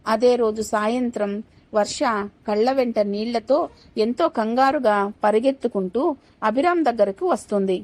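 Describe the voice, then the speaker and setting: Narrator: a woman reading a family tale, plain storytelling, a touch high-pitched. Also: darkish tone. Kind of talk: scripted narration.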